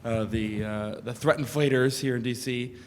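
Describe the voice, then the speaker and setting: A hoarse man with a gravelly voice stands up in the audience to ask the panel a long question. He halts often with fillers, and his words echo through a lecture hall. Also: medium pitch, steady tone. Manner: halting, many filler sounds. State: losing his voice.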